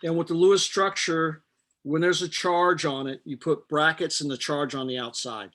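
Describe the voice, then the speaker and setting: A man's voice: on the high side, steady tone, normal speed, a bit bright. A middle-aged man teaching a chemistry class, explaining step by step with patient jokes. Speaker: chemistry instructor. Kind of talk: live online chemistry lecture.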